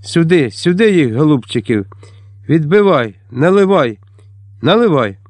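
A man's voice: on the high side, expressive, a little slow, no room sound, pitched above the performer's own voice. A rowdy, hospitable deacon, put on by a male audiobook narrator bellows invitations in a raised, hearty voice. The sound is dry and close, with no room around it. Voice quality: loud, hearty, coaxing. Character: boisterous hospitable man, a deacon hosting a feast.

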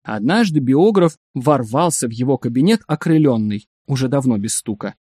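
A man narrating a short story in a wry, expressive reading. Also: medium pitch, normal speed, slightly rough, dry recording, clean studio sound.

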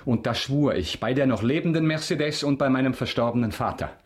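An actor in a German radio drama playing a proud, bitter count bent on revenge, speaking in a formal, grave, measured way. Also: male voice, mid-range voice, lightly acted. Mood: bitter, vengeful. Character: proud, bitter, vengeful count, once a wronged prisoner.

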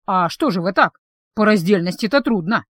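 A woman's voice: mid-range voice, lively intonation, normal speed, fairly bright tone, dry recording, studio quality. A woman voicing a cheerful, nosy male mage who talks in a chatty, curious way.

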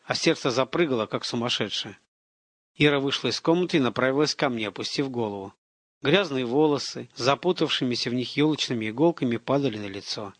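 A man's voice: mid-range voice, fairly bright tone, dry recording. A man narrating an audiobook in the first person, in a tense, brooding way.

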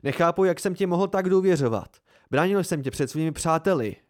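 A grim young man, read by a male narrator, who speaks low and warningly, a middle-pitched voice in a storybook. The sound is dry and close. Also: darkish tone, no echo, natural voice. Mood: angry. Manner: grim, low and warning, angry when pushed. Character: grim young man, a magic student under threat.

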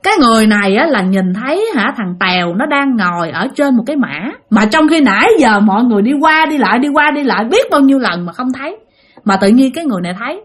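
A woman's voice: fairly high pitch, very animated, fast. Chatty woman with a Southern Vietnamese accent. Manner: chatty, addresses listeners directly. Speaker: storyteller. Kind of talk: spoken ghost story.

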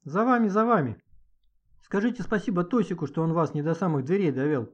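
Man playing a schoolgirl, feisty, shrill, indignant, husky edge. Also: fairly quick. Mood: insistent. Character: feisty schoolgirl, quick to anger. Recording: dull lo-fi audiobook recording.

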